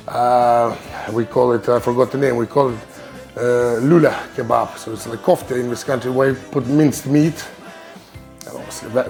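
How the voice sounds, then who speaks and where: A Lithuanian man with a mid-range voice and a Lithuanian accent hosts his casual cooking vlog in English, which isn't his first language. He searches for words, with many ums and restarts.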